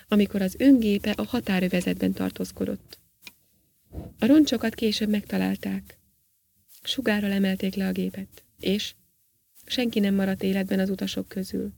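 A woman's voice: mid-range voice, fairly even intonation, vocal fry, darkish tone. A woman reading the part of a reluctant male astronaut who talks hesitantly and keeps correcting himself. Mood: uneasy.

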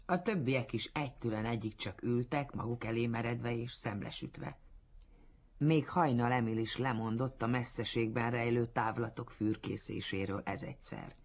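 A man reading a literary story aloud in a measured storytelling manner, on a dull lo-fi recording. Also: medium pitch. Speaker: narrator. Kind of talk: literary audiobook narration.

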